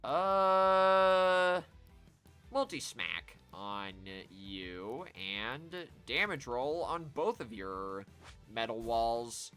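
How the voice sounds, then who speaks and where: A man giving live commentary while playing a video game, chatty and self-amused, reacting out loud as he plays. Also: medium pitch, very animated, slow, faint music behind. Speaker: game streamer.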